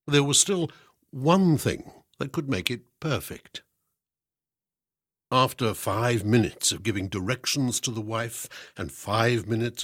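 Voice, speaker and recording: A man reading a humorous first-person story aloud for hospital radio, with lively, expressive delivery and dry humour. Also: medium pitch, husky, no echo. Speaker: reader.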